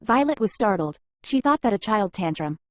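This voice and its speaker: A woman narrating a comic story recap in an even, plain reading manner. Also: mid-range voice, moderate pace, dry recording.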